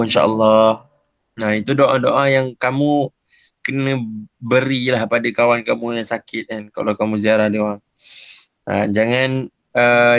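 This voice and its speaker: A man with a Malaysian Malay accent teaches young children over a video call, joking and checking in with "kan?" after nearly every point. His voice sits at an ordinary middle pitch and sounds close and dry, with no room around it. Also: no echo. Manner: chatty, teasing, keeps asking "kan?"; acts out silly examples with a chuckle. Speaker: religious teacher. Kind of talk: online class lesson for young pupils.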